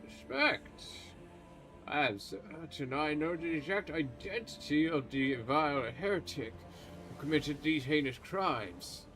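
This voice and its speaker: Pompous aging pontifex, as a man puts him on, formal and accusing, in a voice set a little high for a man, over faint music. This stern churchman speaks in an archaic, haughty manner and guards his secrets. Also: animated, a little slow, a bit bright, low-quality recording.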